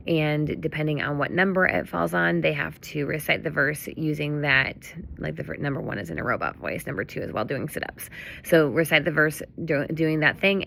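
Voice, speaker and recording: A woman's voice: low-pitched, vocal fry, bright, forceful tone, slight background noise. A woman leading a children's ministry, casually walking volunteers through the week's activities with many fillers and self-corrections.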